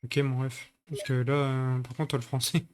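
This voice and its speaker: A man's voice: medium pitch, level tone, moderate pace, a little mellow, a little hiss or hum. A man streaming a video game live, chatting with his viewers in crude, joking banter. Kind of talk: live-stream gaming commentary.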